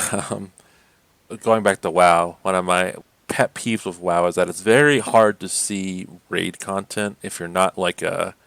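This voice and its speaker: A man co-hosting a podcast, chatting casually about games in a rambling way, full of fillers and quick laughs. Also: low-pitched, steady tone, gravelly, fairly bright tone, clear, resonant tone, no echo. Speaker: podcast co-host. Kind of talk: casual gaming chat.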